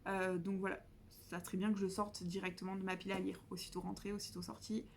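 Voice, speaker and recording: A woman's voice: medium pitch, level tone, quick pace, gravelly, slight background noise. A young woman chatting casually as a book vlogger, self-mocking and rambling, with many fillers and restarts. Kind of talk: casual chat.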